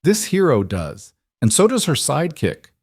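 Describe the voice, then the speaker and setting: A man's voice: a little high, huge pitch swings, moderate pace, a little mellow, breathy edge, no echo, voice pushed up, full character voice. Storybook read: a man playing a composed woman CEO, firm and persuasive, lifted voice, dry mic. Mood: relieved. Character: composed female CEO, a young mother. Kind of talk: storybook narration.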